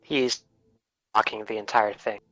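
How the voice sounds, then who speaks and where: A man's voice: on the low side, steady tone, unhurried, pushed and bright, no echo, poor audio. A man taking part in a tabletop game, describing his character's moves in short lines. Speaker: player. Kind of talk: casual chat.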